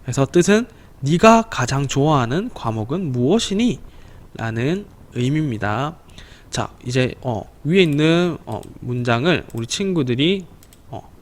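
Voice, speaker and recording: A man teaching a slow, patient online English lesson to children, repeating words and pausing with fillers. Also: medium pitch.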